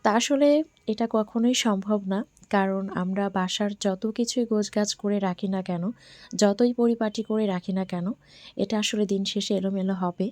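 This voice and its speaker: A hoarse woman from Bangladesh in her thirties narrates her home vlog in a quiet, soft voice. Her tone is warm and mellow. The sound is close and dry, with no room around it. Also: medium pitch, fairly even intonation, normal speed, no echo. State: hoarse from a cold. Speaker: vlogger. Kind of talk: casual voice-over narration.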